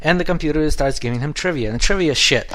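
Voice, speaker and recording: A man in his thirties chatting casually on a podcast, rambling and restarting his sentences, swearing freely, a bit hoarse as his voice goes. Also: on the high side, quick pace, fairly bright tone. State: losing his voice. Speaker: podcast co-host, app developer.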